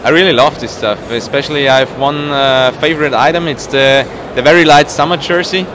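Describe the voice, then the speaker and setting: Pitched on the high side, brisk and fairly even in intonation, a man of about thirty chats as a professional cyclist in casual interview form. English isn't his native tongue, so he searches for words, and the noisy trade show hall around his indoor booth fills the background.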